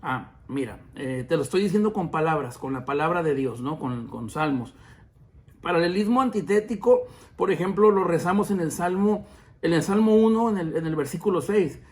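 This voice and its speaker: A man's voice: a little high, expressive, moderate pace, darkish tone. A man around forty hosting a podcast, teaching the Bible in a casual, chatty way, with many fillers and self-corrections. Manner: addresses listeners as brothers.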